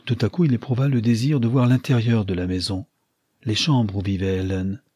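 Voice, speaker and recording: A man narrating an audiobook in a calm, measured reading. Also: fairly low pitch, husky, no echo, studio quality.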